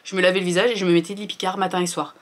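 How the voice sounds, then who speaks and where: A woman's voice: lowish voice, level tone, rapid-fire. A woman, chatting casually through her skincare routine in a candid, rambling way with lots of fillers. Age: 30s. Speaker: beauty vlogger.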